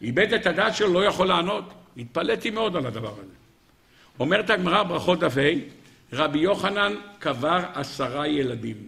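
Dramatic high-voiced male preacher. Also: very animated, gravelly. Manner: dramatic, swings between loud exclamations and hushed low passages; addresses audience as "gentlemen", acts out rabbis' dialogue. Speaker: rabbi lecturer. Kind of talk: Talmudic sermon storytelling.

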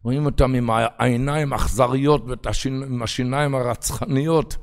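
A man giving a religious lecture, telling parables and acting out their characters, moving between hushed and loud. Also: medium pitch, fairly even intonation. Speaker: rabbi.

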